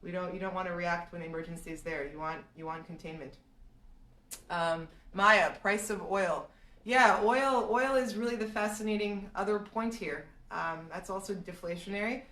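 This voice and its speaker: A Serbian real estate analyst answers viewers' market questions during a live stream, thinking aloud and often restarting her sentences. Her voice is lowish and fairly bright at a moderate pace, picked up from a distance in an echoey room.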